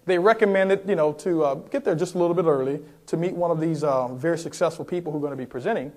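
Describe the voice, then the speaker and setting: The speaker is a man whose voice is a little high and a little mellow, moving at a quick pace. He presents as a sales trainer at a motivational seminar, pressing his points emphatically, questioning the audience, and acting out phone calls.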